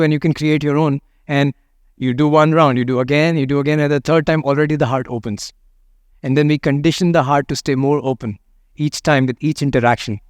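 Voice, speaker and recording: A man speaking as a meditation teacher, guiding listeners in a gentle, unhurried manner. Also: a little high, no echo, clean studio sound. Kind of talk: guided meditation and talk on loving kindness.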